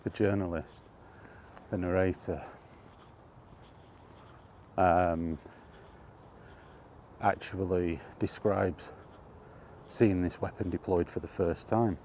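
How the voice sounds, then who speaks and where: This vlogger speaks in a low, warm voice with fairly even intonation, taking it slowly and pausing often, over a little hiss or hum. Walking outdoors, he rambles casually, corrects himself, and gets more and more worked up about his point.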